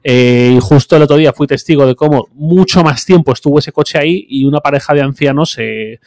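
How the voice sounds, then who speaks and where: A man's voice: fairly high pitch, brisk, darkish tone, no room sound, clean studio sound. A man chatting casually on a podcast, hesitant with many fillers.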